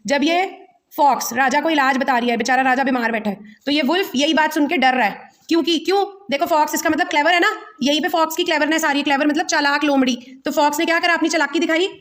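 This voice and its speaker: A high-pitched woman teaches a children's story lesson. She goes line by line, patiently explaining words and asking whether the class follows. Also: quick pace, fairly bright tone. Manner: patient, explains each word, checks understanding.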